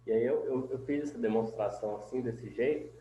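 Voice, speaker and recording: A male therapist leads a group session, demonstrating a tapping technique in a calm, didactic, repetitive way and often ending phrases with "né?". His mid-range voice moves fairly quickly. The phone recording is lo-fi and muffled, in an echoey room with faint noise.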